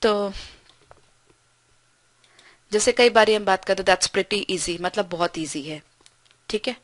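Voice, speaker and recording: Female grammar tutor, mid pitch, patient and explanatory, recorded dry and close. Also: no echo. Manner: explains patiently, reads example sentences slowly; frequent checking "ठीक है". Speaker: English grammar teacher.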